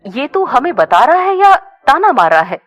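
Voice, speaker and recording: A woman's voice: high voice, very animated, moderate pace, pitched above the performer's own voice. A woman voicing a wry, sarcastic young man questioning his friend. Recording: dull lo-fi recording.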